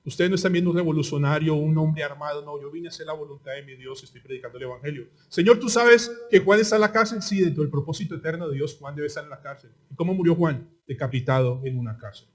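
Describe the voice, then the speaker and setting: A male pastor with a Colombian Spanish accent delivers a sermon in a fairly high voice. He asks his listeners question after question. He rises to loud bursts and drops to quiet asides. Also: steady tone, fast, few pauses. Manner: impassioned preaching, rhetorical questions, swings from loud to quiet.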